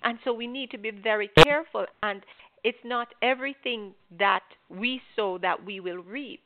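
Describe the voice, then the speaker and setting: A woman's voice: on the high side, moderate pace. Earnest woman teaching on a phone line. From Jamaica. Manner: earnest, instructive. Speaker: host.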